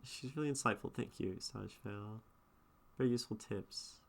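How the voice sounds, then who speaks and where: A woman with an extremely low, creaky voice talks at a moderate pace. She streams and critiques poetry, casually going through her chat and answering in a musing, rambling manner that keeps restarting.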